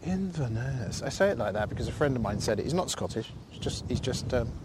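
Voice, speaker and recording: A man's voice: mid-range voice, lively intonation, fast, background noise. A man hosting a casual live stream from a field, chatty and thankful, rambling with fillers. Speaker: livestream host. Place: outdoors in a field.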